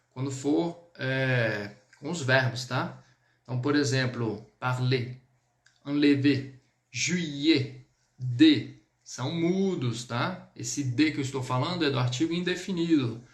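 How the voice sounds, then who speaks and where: A man's voice: mid-range voice, a little slow, echoey room. A man with a Brazilian Portuguese accent teaching a live online French lesson, patiently repeating words and checking in with his students.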